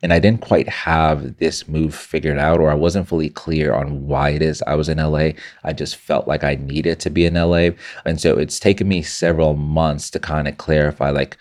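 A man with an extremely deep, low voice speaks as a podcast guest. Born in Zimbabwe, he works as a content creator and tells his own story in an earnest, reflective way. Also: steady tone, normal speed, a little mellow. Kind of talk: personal storytelling in a podcast interview.

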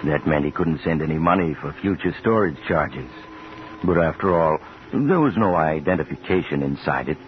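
A man narrating a scripted suspense story as an old radio drama narrator. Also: rumbling low. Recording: muffled old radio recording, faint hiss.

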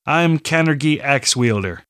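A man voicing a weary man posing as a rural father, speaking low and earnestly in an audiobook reading. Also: lively intonation, moderate pace, a bit bright, dry recording, clean studio sound, lightly acted.

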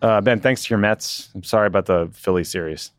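A man's voice: lowish voice, fairly quick, no echo, clean studio sound. An American man co-hosting a podcast, speaking in casual chat and informal sign-offs. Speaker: podcast co-host.

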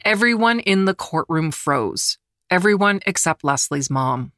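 A middle-aged journalist narrating a true-crime story in a measured, somber way, slowing down on the grave details. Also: medium pitch, lively intonation, a bit bright, no room sound, studio quality, faint music behind. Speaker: journalist who covered the trial, narrating.

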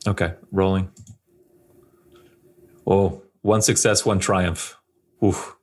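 A man playing a tabletop game, talking in a hesitant, halting way. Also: sits low, steady tone, darkish tone. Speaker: player.

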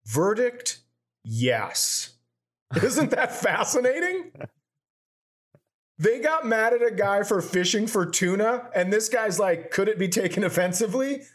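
This man's voice is high and he speaks a little slowly. As a podcast co-host, he swears freely, tells stories with animation, and reads submissions aloud in a deadpan tone during the easygoing comedy talk.

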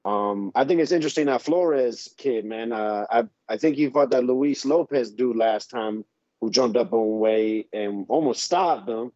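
A man calling in to a show over a bluetooth headset mic that keeps breaking up, talking casually with plenty of halting fillers. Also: mid-range voice, warm tone, no room sound. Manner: halting, filler-heavy, says "man" a lot. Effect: bluetooth headset mic cutting in and out. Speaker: caller. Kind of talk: casual call-in fight talk. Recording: muffled dry bluetooth call audio.

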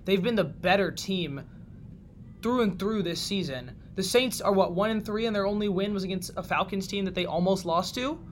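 A man's voice: high-pitched, slight background noise. A man co-hosting a sports podcast, giving his picks in a casual, opinionated chat. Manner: opinionated, quick to pick sides. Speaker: podcast co-host.

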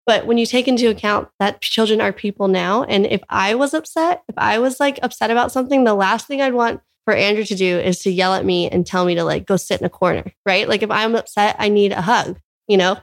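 A young California mother of small children talks earnestly in a casual interview, saying "like" constantly. Her voice is mid-range with vocal fry, and she speaks fairly quickly.

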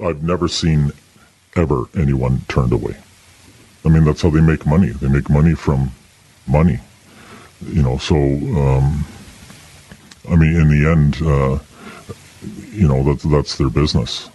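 An anonymous man in a radio interview clip, his voice disguised and pitched very deep, talking haltingly with fillers. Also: warm tone, slightly rough. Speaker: anonymous casino employee. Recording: dull, muffled radio clip.

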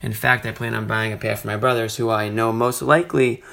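A man's voice: on the low side, steady tone, fairly quick, gravelly, sharp tone. A man delivering a conversational, scripted sponsor read straight to listeners. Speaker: sponsor ad reader.

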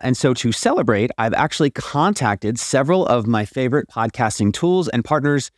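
Male podcast host, mid-pitched, promotional and emphatic, closely dry recording made in an attic. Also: animated, normal speed, no room sound. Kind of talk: scripted podcast monologue promoting deals. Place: attic of a house.

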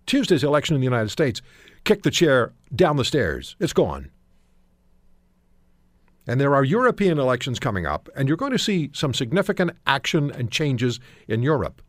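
A man's voice: mid-range voice, no echo. A middle-aged man hosting a talk radio show, making his points firmly and repeating them.

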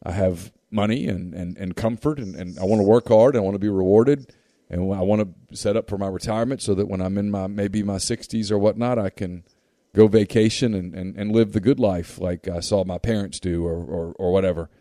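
Male podcast host, rambly questioner, mellow low voice, dry close sound. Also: a little fast, dry recording. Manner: rambling, repeats words when excited. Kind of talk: casual interview chat.

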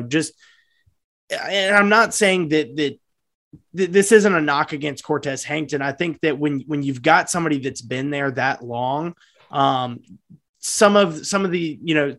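Halting, dry-sounding man talking football. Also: on the high side, fairly bright tone, no room sound. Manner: hesitant, many fillers and restarts. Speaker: sports podcast co-host. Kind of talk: casual sports talk.

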